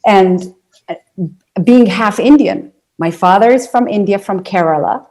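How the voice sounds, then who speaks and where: An Ethiopian woman whose first language is Amharic chats on a video call as a guest; she is a singer and speaker. She is talkative, laughs easily, and restarts sentences, giving casual interview answers in a medium-pitched, warm voice at a slightly slow pace.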